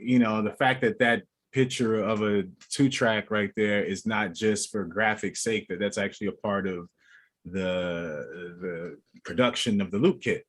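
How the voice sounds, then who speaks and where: A man from Tennessee, co-hosting a podcast and reacting with quick enthusiasm. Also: lowish voice, steady tone, a bit bright. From Clarksville, Tennessee, US. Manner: enthusiastic, quick to jump in with "wow". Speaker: podcast co-host. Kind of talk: casual podcast chat.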